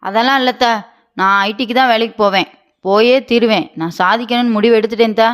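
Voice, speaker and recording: A woman's voice: a little high, fast talker, lightly acted. A woman voicing a naive, stubborn young wife with big dreams in a cartoon comedy. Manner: stubborn, boastful, childlike.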